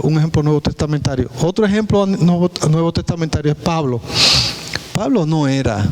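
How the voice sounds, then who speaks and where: A man preaching a sermon as pastor, asking the congregation questions and dropping low on the words he stresses. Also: a little mellow, slight background noise, rough recording. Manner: emphatic, pitch dropping on key words. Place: church.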